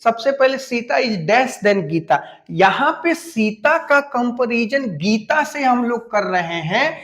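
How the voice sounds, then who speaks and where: Man, teacher, high voice, slow, patient, spells words out, questions students. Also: animated, fairly bright tone. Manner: patient, explains step by step and spells words out letter by letter; speaks to students familiarly and asks them questions. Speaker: English teacher. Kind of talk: classroom lesson.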